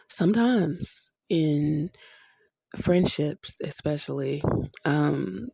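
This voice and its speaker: Slow, stuffy-voiced woman podcast host. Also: lowish voice, gravelly, warm tone, dry recording. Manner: slow, earnest and encouraging. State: stuffy from a cold. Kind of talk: motivational podcast talk.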